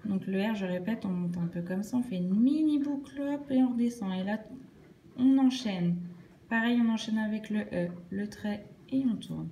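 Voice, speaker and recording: A woman's voice: medium pitch, mellow, a little hiss or hum. Patient woman teaching children handwriting. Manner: slow, patient step-by-step explaining.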